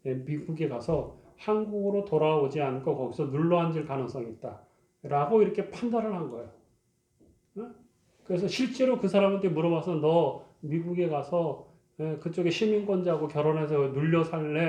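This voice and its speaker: A man's voice: a little high, mellow, roomy sound, lo-fi sound. A male lecturer explaining a university course topic, posing rhetorical questions to his students and talking with frequent fillers.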